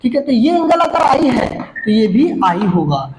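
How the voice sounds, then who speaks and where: Woman physics teacher, bright high voice, repetitive drilling delivery, echoey room with faint background noise. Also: very animated, measured pace. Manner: repeats key terms, asks and answers own questions; stretches out English definitions word by word. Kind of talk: classroom lesson at a board.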